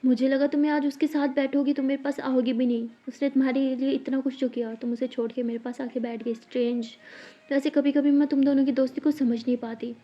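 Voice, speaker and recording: A woman's voice: high-pitched, level tone, fairly quick. Woman reading young college woman, blunt and matter-of-fact; storybook voice, lo-fi. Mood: blunt, explaining. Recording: slightly dull lo-fi audio.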